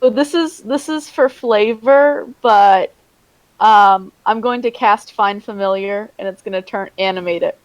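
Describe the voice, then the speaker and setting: A woman's voice: mid-range voice, unhurried, no room sound, low-quality recording. A woman player in a tabletop game on a video call, talking hesitantly with many ums. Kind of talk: casual tabletop play.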